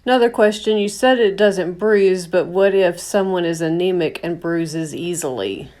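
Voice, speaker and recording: A woman with a slightly low voice talks casually. She passes on questions and remarks from people watching. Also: normal speed, darkish tone. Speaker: assistant relaying viewer questions. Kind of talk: casual chat.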